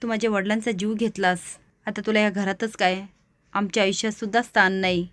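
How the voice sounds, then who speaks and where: A stern young man, cold with betrayal, as a woman reads his lines. Spoken evenly on a level pitch in a dry, close recording. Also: fairly even intonation, a little fast, a bit bright, dry recording, close to an everyday voice.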